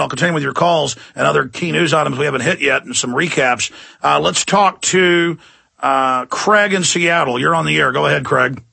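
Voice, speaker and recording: A man hosting a political call-in radio show, ranting in a paranoid, alarmist, emphatic way with a gravelly, raspy voice. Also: a little high, pushed and bright, dry recording.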